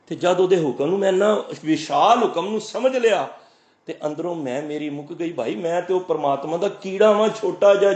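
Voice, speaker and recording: A man giving a sermon on scripture. He recites the verses slowly, then explains them and answers his own questions. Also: high voice, a little mellow, echoey room. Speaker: Sikh preacher. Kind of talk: scripture exposition.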